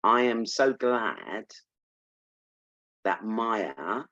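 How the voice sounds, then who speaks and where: A man's voice: lowish voice, expressive, extremely slow, pushed and bright, muffled recording. A man from Barbados, co-hosting a casual reaction chat and talking in an indignant, emphatic way with rhetorical questions. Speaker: show co-host.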